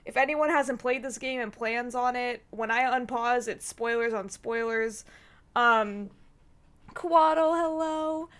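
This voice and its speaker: A high-pitched female voice in casual live stream commentary. She plays a video game and reacts out loud, excitable and quick to swear. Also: clean tone.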